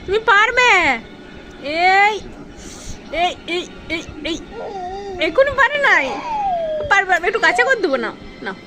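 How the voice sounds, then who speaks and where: A woman's voice: extremely high pitch, sing-song, a little slow, pauses often, a crowd in the background. A young adult woman, a mother, talking baby talk to her infant in a coaxing, sing-song way, over background music.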